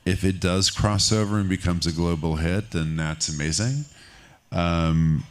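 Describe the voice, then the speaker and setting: A man from France speaking as a guest on a festival stage, candid and relaxed, talking in loose rambling bursts. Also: low voice, unhurried. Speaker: film finance executive, keynote guest. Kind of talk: onstage conversation. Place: stage at a film festival market.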